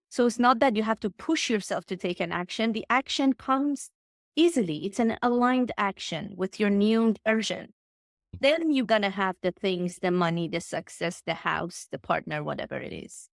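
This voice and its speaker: The sound is clean studio audio with no echo as an Iranian woman with a mid-range voice, a coach, guests on a casual podcast interview. She speaks English with slightly distinctive phrasing, earnest and enthusiastic.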